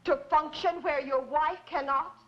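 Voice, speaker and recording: A woman's voice: sits high, steady tone, a little slow. An actress playing a proud widow accused of witchcraft, speaking theatrically and accusingly in a 1960s film. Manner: theatrical, accusing, rising to shouts. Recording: dull lo-fi old film soundtrack.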